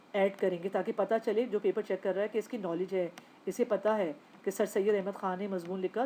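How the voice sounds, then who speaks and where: A woman's voice: mid-range voice, mellow, a little hiss or hum. A woman teaching a recorded Urdu class, explaining step by step and answering her own questions, with a Pakistani Urdu accent. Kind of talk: recorded lecture.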